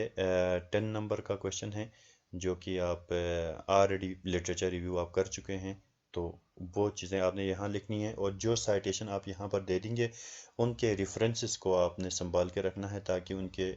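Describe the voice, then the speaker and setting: Very low-voiced man explaining slowly. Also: darkish tone, dull audio. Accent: Pakistani Urdu. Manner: explains slowly with many hesitations, reads questions aloud in English. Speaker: teacher. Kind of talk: lecture on a research assignment.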